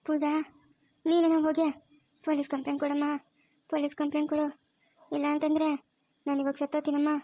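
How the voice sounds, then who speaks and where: A woman's voice: sits high, completely flat delivery, fast, long pauses, warm tone, no echo, lightly acted. A woman voicing an exhausted, bitter old village mother who complains and pities herself in a cartoon story. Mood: weary, self-pitying. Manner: complaining, self-pitying. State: exhausted, sore-throated. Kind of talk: cartoon voice acting.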